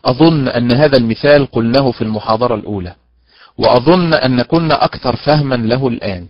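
A man teaching Quran recitation online, slowly drawing out recited examples between quick explanations. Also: mid-range voice, dry recording. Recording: dull lo-fi dry online audio.

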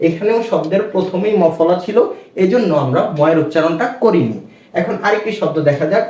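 A man teaching a spoken reading lesson, slow and patient, often asking the viewer questions and answering them himself. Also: high-pitched, a little mellow. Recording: echoey room.

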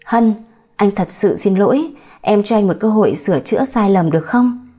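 A woman's voice: medium pitch, lively intonation, moderate pace, warm tone, slightly rough, faint music behind. A woman voicing a pleading, remorseful young husband. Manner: pleading, emotional.

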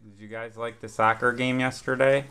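A father at the breakfast table at home, gently asking his children encouraging questions, picked up by a home video camera on the table. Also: medium pitch, little pitch movement, normal speed, clear, resonant tone. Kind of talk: casual family chat.

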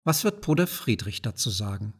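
A man's voice: lowish voice, big pitch swings, moderate pace, creaky, breathy edge, voice pushed down, full character voice. A man voicing a shrewd, self-satisfied merchant senator who speaks in an old-fashioned, formal way, read in an audiobook. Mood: self-assured.

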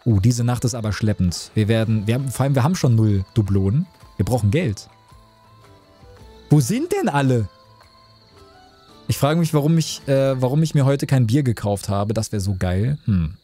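A young man in casual live-stream chat with a mellow, relaxed tone. He jokes with his viewers and reads out their messages as he plays. Faint music runs behind him. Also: medium pitch, moderate pace, breathy edge.

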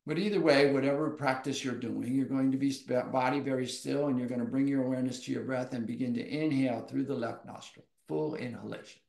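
A man teaching a yoga class, guiding breathwork in slow, soft, inviting phrases. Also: mid-range voice, steady tone, gravelly, reverberant. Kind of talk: guided yoga breathwork instruction.

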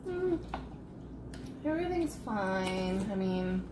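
A young woman with her mouth full of noodles, giving short, quiet replies in a casual chat over a meal at home. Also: medium pitch, very animated, slow pace. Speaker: guest, daughter. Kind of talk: casual chat while eating. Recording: echoey room with background noise.

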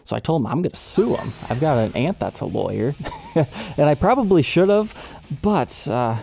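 A man hosting a guitar show, telling a personal story in an animated, exasperated way. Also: fairly high pitch, normal speed, vocal fry, slight background noise. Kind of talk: storytelling vlog.

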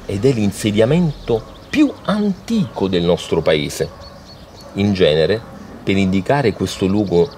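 A man's voice: lowish voice, darkish tone, a little hiss or hum. A man narrating a documentary in an explanatory, storytelling way. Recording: music playing behind.

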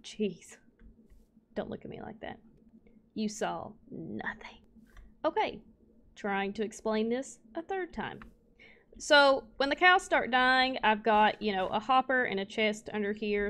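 A woman's voice: mid-range voice, normal speed, fairly bright tone, slight background noise. A young woman hosting a casual let's play, chatting playfully to viewers and to the animals in her game. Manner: chatty, talks to cows and viewers, playful exclamations. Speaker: gaming channel host.

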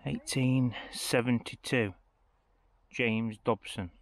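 Strolling outdoors through a village churchyard, a male travel vlogger thinks aloud in relaxed, informal commentary. His medium-pitched voice moves slowly, with fairly even intonation.

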